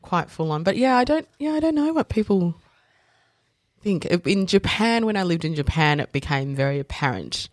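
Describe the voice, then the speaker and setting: A woman with a low-leaning voice talks at normal speed in a studio-quality recording with no echo. Born in South Africa and raised in Australia, she's a podcast guest telling stories casually, full of fillers and self-corrections, animatedly acting out other people's lines.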